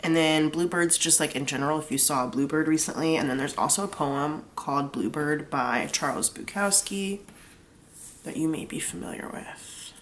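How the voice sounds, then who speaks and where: This tarot reader is a young woman whose cold has left her nose stuffed up. She speaks low-pitched at a moderate pace, chatting casually and leaning on "like" as she explains each pull, with slight background noise.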